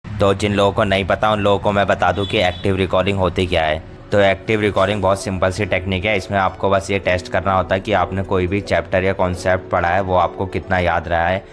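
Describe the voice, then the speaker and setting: A man's voice: sits low, flat delivery, a little fast. A young man narrating his study vlog casually, explaining each step in Hindi mixed with English words. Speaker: student vlogger. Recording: voice-over with clear background music.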